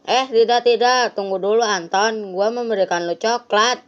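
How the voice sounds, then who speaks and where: A woman voicing a polite, friendly boy who talks casually and tries to calm things down, on a lo-fi recording. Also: a little high, moderate pace, pitched above the performer's own voice, lightly acted. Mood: placating. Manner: casual, placating. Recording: lo-fi, dull sound.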